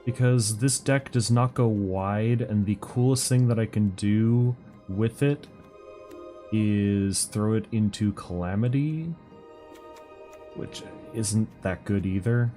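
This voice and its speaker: A man with a fairly low voice gives casual live game commentary. He takes his time, muttering his thoughts aloud in loose fragments, with clear music playing behind him. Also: slow, warm tone. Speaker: game streamer.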